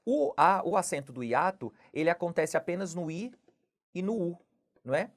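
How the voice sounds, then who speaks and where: A woman's voice: fairly low pitch, animated, normal speed. A woman teaching Portuguese grammar, walking through exam questions and checking in with "não é?" after nearly every point. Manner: explanatory, repeats "não é?" and "tudo bem?" often. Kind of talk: exam question walkthrough lesson.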